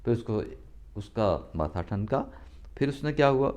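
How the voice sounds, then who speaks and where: A man's voice: medium pitch, lively intonation, a little mellow. A male teacher reading a story aloud and retelling each line in plainer words, often repeating himself. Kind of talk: reading and explaining a story lesson.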